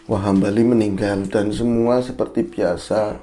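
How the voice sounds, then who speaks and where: A man's voice: fairly low pitch, fairly even intonation, normal speed, warm tone. A man co-hosting a podcast, telling a horror story in a casual, conversational way and checking in with his co-host.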